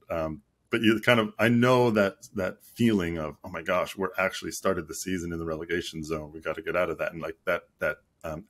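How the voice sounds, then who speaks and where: A middle-aged man, a guest on a video call interview, speaking thoughtfully with many pauses and restarts. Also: low voice, a bit bright. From United States. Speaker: league marketing chief, guest. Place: small office at home. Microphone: headset on a video call.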